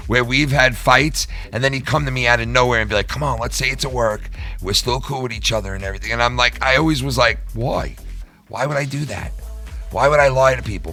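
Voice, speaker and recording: A man's voice: mid-range voice, sharp tone. A man hosting a live show in casual livestream talk, profane, rambling and emphatic.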